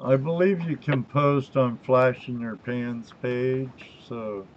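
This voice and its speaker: Give me a man hosting a live call-in show in an easygoing manner. He talks slowly and at a middle pitch, and his sound is a bit muffled. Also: fairly even intonation, slight background noise. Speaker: show host. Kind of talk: casual live show chat. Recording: slightly dull lo-fi sound.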